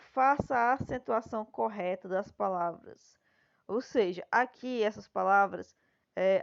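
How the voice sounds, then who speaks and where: A Brazilian woman teacher in a recorded lesson explains each answer step by step, speaking in a patient, explanatory way and often pausing to check in with her students. Her voice sits at an ordinary middle pitch for a woman. The recording is dull and lo-fi. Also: creaky. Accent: Brazilian Portuguese. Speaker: schoolteacher.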